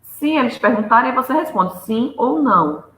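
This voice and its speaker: A woman's voice: fairly high pitch, animated, normal speed, a bit bright, echoey room, a little hiss or hum, poor audio. A woman giving a lecture on storytelling, listing practical tips with examples in a didactic manner.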